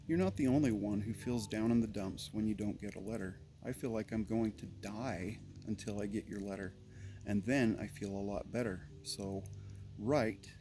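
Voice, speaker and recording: A man's voice: lowish voice, dark tone, a little hiss or hum. An older man reading his parents' old letters aloud, earnestly, with amused comments in between. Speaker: family letter reader.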